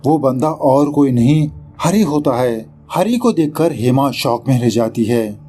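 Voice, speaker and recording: Over soft background music, a man speaks at medium pitch in an animated, unhurried, warm way, walking through a movie's plot. He sprinkles English into the casual telling and ridicules the director as he goes.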